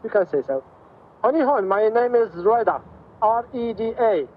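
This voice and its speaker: A man's voice: high voice, expressive, normal speed, narrow, tinny audio, a little hiss or hum. A man from Morocco chatting cheerfully with strangers over a video screen, asking their names and where they are from. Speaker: performer talking to passers-by.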